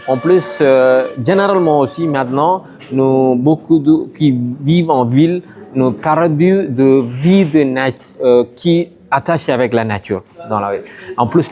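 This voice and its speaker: A Sri man speaking in broken, halting French with many hesitations, interviewed as an artist at an exhibition. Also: medium pitch, mellow. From Sri Lanka.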